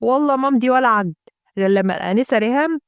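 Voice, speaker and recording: A woman voicing a fawning wealthy man with a Gulf Arabic accent, speaking in a slow, flattering drawl. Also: a little high, clear, resonant tone, no echo, studio quality, lightly acted. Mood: flirtatious.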